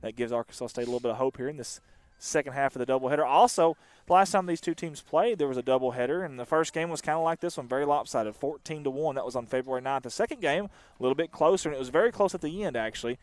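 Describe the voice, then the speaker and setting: A man doing chatty, rambling live softball commentary outdoors. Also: mid-range voice, quick pace, no room sound. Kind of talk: casual live sports commentary. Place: outdoor softball field on a windy day.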